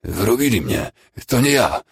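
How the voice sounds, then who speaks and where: A man's voice: mid-range voice, wildly swooping pitch, moderate pace, vocal fry, slightly rough, dry recording, studio quality, pitched above the performer's own voice, exaggerated voice. A man voicing a frightened, wounded young man who pleads and slurs in an audiobook. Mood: pleading.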